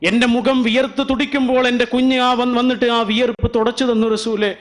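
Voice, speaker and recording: Guy speaking as a heartbroken old-time chief confessing, pleading, keeps repeating his plea, high voice. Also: steady tone, fast talker. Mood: grieving confession.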